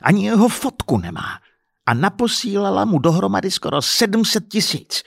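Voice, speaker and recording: A man voicing an indignant middle-aged husband who rants and shouts crudely about being cheated, in an audiobook story. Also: medium pitch, very animated, breathy edge, no echo, clean studio sound. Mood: furious ranting. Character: furious middle-aged man, swindled family.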